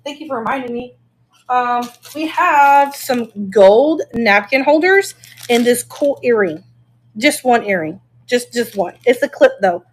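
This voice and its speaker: A woman's voice: on the high side, animated, unhurried. A woman hosting a casual live-stream auction, chatting enthusiastically and thinking aloud as she shows each item.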